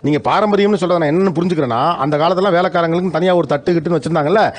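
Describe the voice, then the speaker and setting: A man's voice: fairly high pitch, rapid-fire, a little hiss or hum. A man hosting a studio debate show, asking probing, formal questions. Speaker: talk show host.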